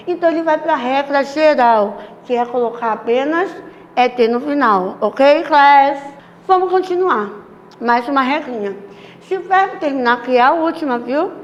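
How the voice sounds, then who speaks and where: A woman's voice: high-pitched, highs cut off. A woman English teacher giving a recorded class, explaining patiently, speaking affectionately to her students and checking in often with tag questions. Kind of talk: recorded online class lesson. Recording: echoey room with faint background noise.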